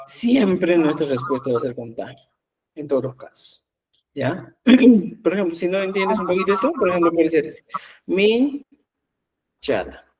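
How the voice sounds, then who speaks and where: A male language teacher who speaks slowly and patiently, stopping to check that everyone follows. His voice sits a little high for a man. He is recorded from some distance away from the microphone. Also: expressive, a little mellow, husky. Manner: patient, explains step by step with frequent checks like "¿ya?". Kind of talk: online class explanation.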